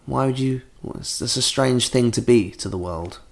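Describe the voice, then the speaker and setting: A man's voice: mid-range voice, normal speed, gravelly. A man co-hosting a casual comedy podcast, reading out listener letters and riffing with rambling jokes. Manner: rambling, jokey, drifts into mock voices. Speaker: podcast co-host.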